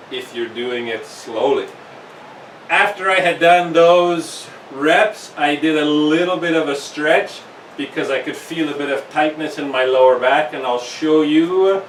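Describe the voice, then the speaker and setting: A male fitness instructor walks through a workout in slow, careful steps, a little winded between sets. His voice sits a bit high for a man. The sound comes from a camera mic some distance away in an echoey room. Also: a little hiss or hum. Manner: slow, step-by-step explaining. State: slightly winded.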